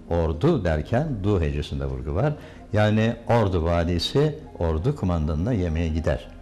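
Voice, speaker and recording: An older man with a low, mellow voice teaches diction, correcting stress and vowel length with pointed examples. His pitch swings widely as he demonstrates right and wrong pronunciations. Soft music plays faintly behind him. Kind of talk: diction lesson.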